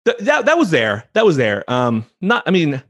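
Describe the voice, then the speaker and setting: A man's voice: fairly high pitch, wildly swooping pitch, moderate pace, fairly bright tone, dry recording. Field: chatty American man, dry close sound. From United States, San Francisco Bay Area. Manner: chatty, laughs easily, repeats words when starting a thought. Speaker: guest. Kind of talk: casual interview conversation.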